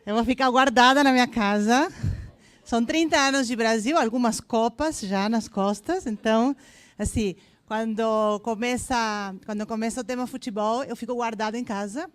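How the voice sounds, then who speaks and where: A woman in her fifties with an Argentine Spanish accent, speaking to a company audience. Her voice sits a little high, and the sound is dry and close. She tells light jokes and pauses on fillers as she searches for words. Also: no echo. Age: 50s. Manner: joking, chatty, with hesitant fillers. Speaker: invited speaker. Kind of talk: corporate event talk.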